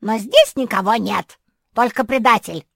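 A woman voicing a nasty male dragon with a shrill, squeaky voice in a storybook reading. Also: a little slow, gravelly, fairly bright tone, no room sound, studio quality, exaggerated voice.

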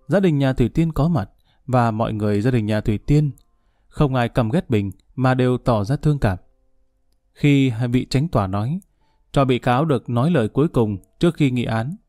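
A man calmly narrating a dramatic social story, reading slowly and steadily and lightly voicing the characters he quotes. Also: mid-range voice, dry recording, clean studio sound.

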